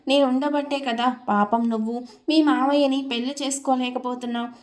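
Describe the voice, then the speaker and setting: A woman narrator puts on a weeping young woman from a storybook, innocent and quick to blame herself. Her voice sits slightly high and stays in a narrow band, tearful and pleading. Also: steady tone, a little mellow, natural voice.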